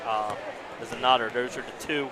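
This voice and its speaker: A man's voice: medium pitch, fairly even intonation, moderate pace. Male color analyst in a noisy gym. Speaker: sports color commentator. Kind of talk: live basketball analysis. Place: indoor school gymnasium. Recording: noisy gym with bouncing balls.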